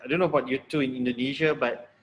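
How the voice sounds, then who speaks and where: A man lecturing to students on a video call, speaking plainly and bluntly, often stopping to restart his phrases. His voice sits at an ordinary middle pitch. A faint hiss runs under the recording. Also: fairly even intonation, racing, rough recording. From Malaysia. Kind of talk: online tutorial lecture.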